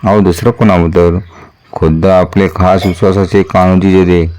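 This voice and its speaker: A man's voice: low-pitched, fairly even intonation, normal speed, darkish tone, natural voice. A man doing a sly scheming traitor. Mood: wheedling. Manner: insinuating, wheedling. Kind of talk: dramatic storytelling.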